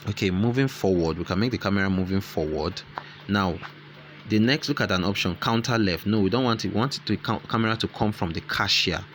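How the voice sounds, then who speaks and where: A man's voice: lowish voice, a little hiss or hum. A man hosting an app tutorial who explains each step in a rambling way and corrects himself as he goes. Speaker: tutorial host. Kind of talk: screen-recorded app tutorial.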